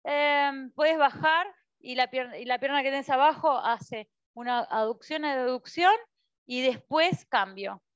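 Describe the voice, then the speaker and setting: Woman, Argentine Spanish accent, Pilates instructor, encouraging cues, high voice, dry dull recording. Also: unhurried, clean tone, no room sound. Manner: instructive, encouraging, cueing movements with frequent "¿sí?". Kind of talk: teaching a Pilates class. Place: Pilates studio.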